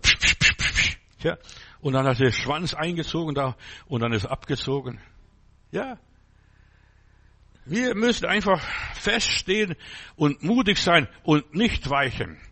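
A man preaching a sermon with a slightly high, husky voice. He talks emphatically, with many short asides and interjections. The recording has a faint radio-broadcast sound. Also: a bit bright. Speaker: pastor.

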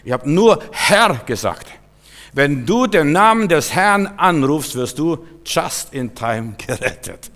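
A man's voice: on the high side, big pitch swings, slow, fairly bright tone. A man preaching a sermon in a folksy way, acting out the figures he quotes. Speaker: pastor. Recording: long reverb of a hall.

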